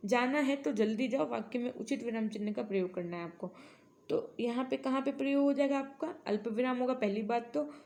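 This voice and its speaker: A woman's voice: fairly high pitch, fairly quick, warm tone. A woman teacher working through exam-prep quiz questions, asking each one and then explaining the answer patiently, often dropping English phrases into her explanation.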